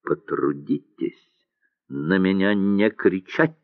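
A haughty young cavalry officer speaks with cold disdain in a low voice, as a male reader plays him. The audio is narrow and phone-like. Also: very animated, slow, dry recording, full character voice. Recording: dry tinny lo-fi sound.

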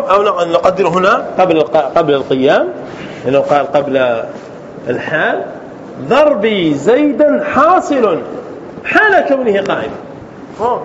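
A man with a high, lively voice teaching a grammar lesson, often pausing to ask his students whether it is clear. The recording sounds dull and lo-fi, with a faint hiss behind him. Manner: checks understanding often with repeated questions. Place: classroom.

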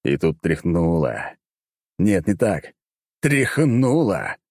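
A man with a fairly low voice reads a comic first-person audiobook, his delivery wry and full of swings in pitch. The recording is dry and close, with no room sound. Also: normal speed, no echo. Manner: lively, wry storytelling that jumps up for shouted lines. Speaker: audiobook reader.

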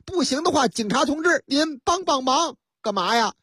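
A woman voicing a flustered young male driver who stammers and protests loudly. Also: high-pitched, lively intonation, normal speed, no room sound, studio quality. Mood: pleading.

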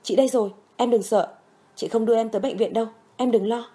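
A woman's voice: on the high side, fairly even intonation, fast, mellow, lightly acted. A woman voicing brave tearful young medic. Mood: urgent. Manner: urgent, pleading.

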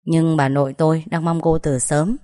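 A woman's voice: sits low, steady tone, moderate pace, warm tone, close to an everyday voice. A woman voicing a firm, insistent young man in a read-aloud story, speaking curtly. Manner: curt, insistent.

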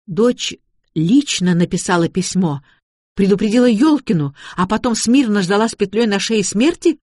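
A man doing a shrill indignant old mother. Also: lively intonation, moderate pace, no echo, studio quality. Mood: shouting. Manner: loud, insistent, denying.

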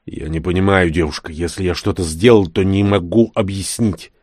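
Man doing a hoarse, dazed captive soldier. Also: low voice, fairly even intonation, moderate pace, a little mellow, dry recording, studio quality. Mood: confused, pleading. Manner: hoarse, pleading. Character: dazed captured soldier, confused and pleading.

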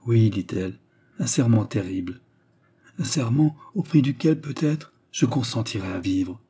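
A man voicing a grieving, lovesick young woman who speaks softly and sadly in an audiobook. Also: mid-range voice, animated, measured pace, slightly rough. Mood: intense. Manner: soft, sad, solemn declarations. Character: grieving lovesick Indian woman, calm and intense.

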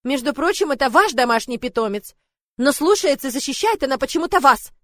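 A loud, bossy noble father barks orders in slow, heavy words, as a woman reads him aloud. The high voice stays close and dry, with no room around it. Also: expressive, no echo. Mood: exasperated. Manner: shouting, commanding. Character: angry stern male lord, a father.

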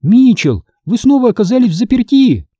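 A man's voice: very high voice, sing-song, moderate pace, dark tone, no room sound, studio quality, pitched above the performer's own voice, exaggerated voice. A man voicing a serious young girl who speaks in a stern, insistent way, in a storybook reading.

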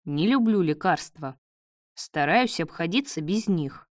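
A woman reading the part of a gruff, hungover male doctor who speaks curtly and snaps orders. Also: fairly high pitch, animated, measured pace, dry recording, clean studio sound. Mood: weary. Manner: curt, snapping orders.

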